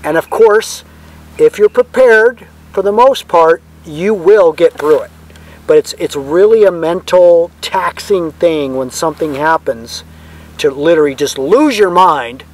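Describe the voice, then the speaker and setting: A man's voice: on the high side, animated, unhurried, poor audio. A man co-hosting a vlog, giving casual advice to the camera in a folksy, reassuring way. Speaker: vlog co-host.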